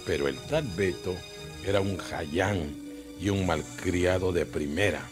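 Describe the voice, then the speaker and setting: A Honduran man narrating a radio drama in a formal, announcing tone. His voice sits somewhat low, and music plays clearly underneath. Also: unhurried. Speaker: narrator and director.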